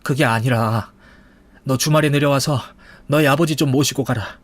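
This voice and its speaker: A man's voice: mid-range voice, moderate pace, no room sound, natural voice. A man voicing a demanding, whiny middle-aged mother-in-law who complains and sighs. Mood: exasperated. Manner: complaining, sighing.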